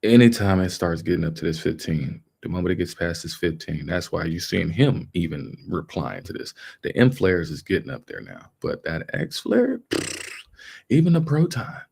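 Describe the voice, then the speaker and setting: A man's voice: sits low, big pitch swings, moderate pace, gravelly, few pauses, a little mellow, husky. A man giving casual, emphatic live commentary in colloquial, repetitive phrasing. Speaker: livestream host commenting on a video.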